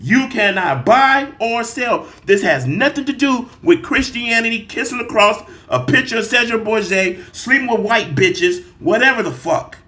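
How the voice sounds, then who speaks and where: Irritated man ranting with a high voice. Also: animated, sharp tone. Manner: irritated, profane, talks straight to viewers; reads scripture slowly and deliberately. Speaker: reaction video host. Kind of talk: heated commentary on a played clip.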